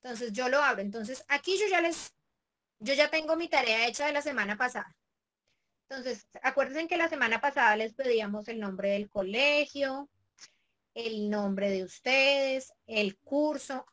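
A woman's voice: sits high, fairly bright tone. A woman teacher leading a class step by step, patient and checking in with the students often. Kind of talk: remote class walkthrough.

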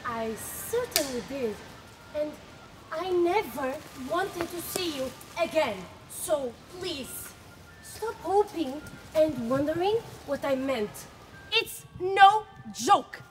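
A woman as a fickle young man in love, high voice, blunt and cold, outdoor stage play. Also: expressive, slow, slight background noise. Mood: dismissive. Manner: blunt, dismissive. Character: Lysander, young male lover, fickle and cold.

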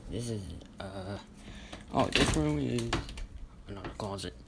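This man improvises a casual house tour, walking through rooms and speaking with hesitation and uncertainty while holding the camera himself. His lowish voice is expressive with vocal fry, and he keeps a measured pace. The handheld mic captures noisy audio with clicks.

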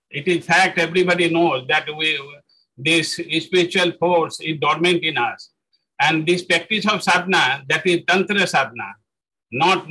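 A man giving a spoken lecture on spiritual practice, halting often with fillers and self-corrections. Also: high voice, sharp tone, rough recording.

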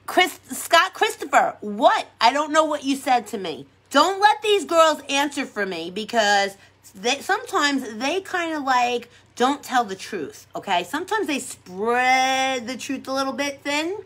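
A middle-aged woman with a strong New York accent chats on her livestream while doing her makeup. She talks in a brash, chatty way, laughs easily and repeats her own lines. Her voice sits a little high for a woman. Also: sing-song, measured pace, fairly bright tone. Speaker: livestream host. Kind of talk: casual live chat while doing makeup.

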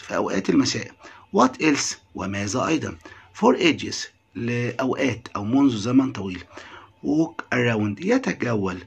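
A man with an Egyptian Arabic accent, teaching English vocabulary by repeating words slowly and translating them. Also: medium pitch, creaky, slightly rough. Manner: drills words slowly with repetition, then translates. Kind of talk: classroom lesson.

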